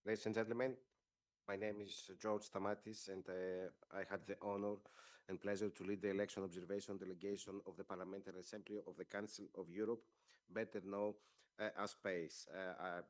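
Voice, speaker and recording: A man from Greece with a Greek accent and Greek as his first language, leading a parliamentary delegation and giving a formal press conference statement in measured speech with frequent hesitations. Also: deep voice, flat delivery.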